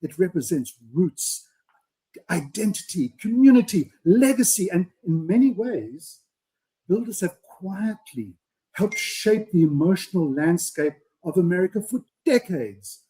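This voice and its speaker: With poor audio, a podcast co-host speaks in a high, very animated, warm voice at a somewhat slow pace. In the casual chat of his live show, he is earnest and speechifying, regularly adding "right?".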